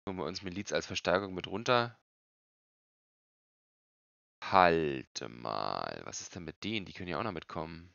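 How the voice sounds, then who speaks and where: A man's voice: sits low, very fast, hardly any pauses, a bit bright, no room sound. A man in his thirties giving casual game commentary, muttering short phrases to himself, with slightly muffled sound. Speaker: game streamer.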